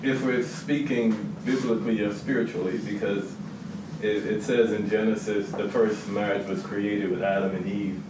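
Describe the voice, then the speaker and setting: A low-voiced man from the Bahamas speaks like a preacher, leaning on scripture. He is picked up from a distance in a strongly echoing room. Background noise hangs under his voice. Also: flat delivery, moderate pace. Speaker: panelist. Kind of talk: panel discussion. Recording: very echoey room from far off with noise.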